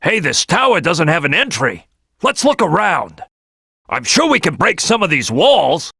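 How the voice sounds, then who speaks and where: A man voicing a brash, bossy cartoon crocodile detective for a video game, gruff and raspy, barking orders at his crew. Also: on the high side, huge pitch swings, a little slow, no room sound, studio quality, heavily acted. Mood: puzzling, searching. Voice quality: gravelly, raspy, forceful. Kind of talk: animated video game voice acting.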